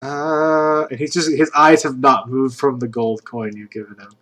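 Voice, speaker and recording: A man running a tabletop role-playing game as game master, describing scenes in a relaxed way with many fillers. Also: mid-range voice, moderate pace, crowd noise.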